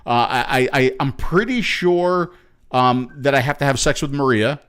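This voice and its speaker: Male co-host, rambling stammering joker, average pitch. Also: normal speed, fairly bright tone, clean tone. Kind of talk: casual chat.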